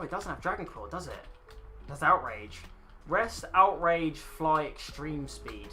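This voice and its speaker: In a casual live stream of a game, a man in his twenties chats and rambles to viewers, talking to chat and swearing offhandedly. His voice is fairly high in pitch, pushed and bright.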